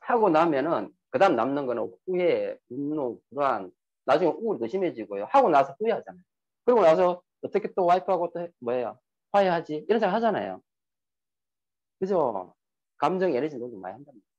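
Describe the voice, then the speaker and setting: A man's voice: on the high side, fairly quick. A man giving a motivational seminar talk who keeps asking his audience questions. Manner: lively, asks the audience questions. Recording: muffled lo-fi recording.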